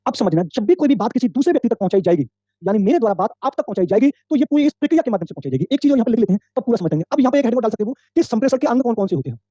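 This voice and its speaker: High, fast-talking male teacher with a mellow voice. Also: sing-song, no echo, muffled recording. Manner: explains step by step, repeats points, quizzes the class. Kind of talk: online exam-prep lecture. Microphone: microphone.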